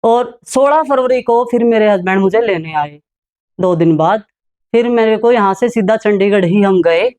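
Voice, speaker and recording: A middle-aged woman from Haryana, India, recounts her own past on a talk show. She speaks plainly and unhurriedly at an ordinary pitch, dropping into softer, quieter asides. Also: normal speed. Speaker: guest telling her life story. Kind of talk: personal storytelling in a talk show.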